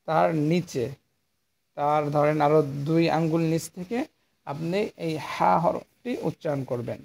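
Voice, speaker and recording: Teaching how to pronounce the letters of the Quran, this man, who has a Bangladeshi Bengali accent, draws out every sound with patience and describes the tongue's placement in a slow lesson. His voice is slightly high, gravelly, and a little mellow.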